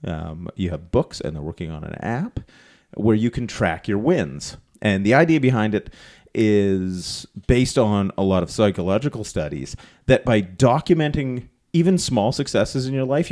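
A man's voice: on the low side, a little mellow. A man hosting an outdoor adventure podcast in a casual, chatty way, laughing easily. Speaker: podcast host.

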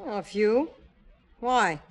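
A woman's voice: mid-range voice, lively intonation, takes it slowly. An actress playing a scheming young woman poisoner in an old radio drama, speaking coyly and slyly. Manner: coy and sly, then taunting. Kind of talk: 1940s radio drama acting.

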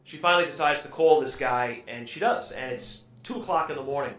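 A man's voice: medium pitch, brisk, a bit bright. A man preaching a sermon and retelling a story in a conversational way, with frequent ums and uhs. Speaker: pastor. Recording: echoey room, voice from far off.

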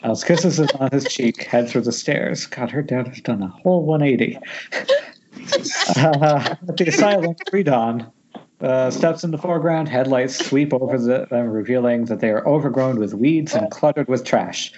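A man of medium pitch with a darkish tone speaks at normal speed over slight background noise, in muffled internet call audio. On a remote group voice call, he reads the stage directions aloud at a table read, adding casual asides.

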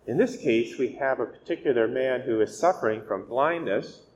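A male priest reading the gospel and preaching a weekday homily at a steady, measured pace, his voice ringing with a long cathedral echo. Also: mid-range voice, highs cut off. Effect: long cathedral-style echo. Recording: echoey church hall with faint hiss.

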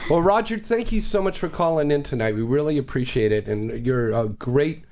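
A man's voice: mid-range voice, expressive, normal speed, darkish tone. A man hosting a casual adult talk-radio show, effusive and repeating himself. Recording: dull lo-fi audio with music behind.

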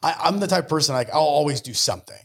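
Very fast and animated, a man in his early forties speaks in a highish, fairly bright but husky voice with vocal fry. He's a mortgage lender and business owner guesting on a podcast, conversational, earnest and motivational, often asking "right?".

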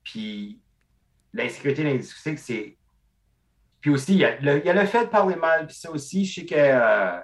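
A man with an Acadian French accent, a podcast guest talking casually and switching into English often. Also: medium pitch. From Acadia, eastern Canada. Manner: mixes English into his French, animated storytelling. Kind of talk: casual conversation.

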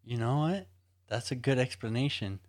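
A man's voice: medium pitch, moderate pace, darkish tone. Man, dry close voice. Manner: laughs along, echoes his partner. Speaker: podcast co-host. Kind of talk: casual chat.

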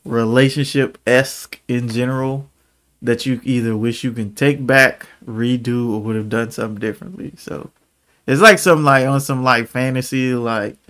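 A man's voice: medium pitch, fairly even intonation, normal speed, a bit bright. A tired man co-hosting a casual podcast, profane, slangy and teasing, his speech slightly slurred by a grill in his teeth. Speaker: podcast co-host.

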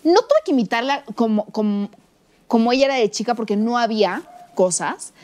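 A Mexican actress chatting casually, telling stories quickly with lots of fillers. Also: female voice, fairly high pitch, a little hiss or hum. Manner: fast, animated storytelling with many fillers. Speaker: actress guest. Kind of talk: casual chat.

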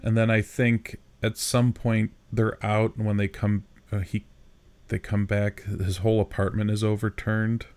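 A man's voice: lowish voice, little pitch movement, a little slow, darkish tone, smooth. A man casually chatting as a podcast co-host, recapping a film and poking fun at its dated details. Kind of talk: casual chat recapping a movie.

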